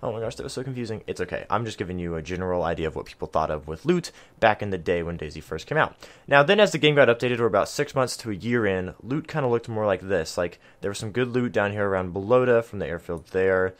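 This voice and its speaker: A man's voice: deep voice, expressive, fast talker. A man giving a casual map guide for a video game, chatty, with lots of ums and self-deprecating asides. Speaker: gaming video creator.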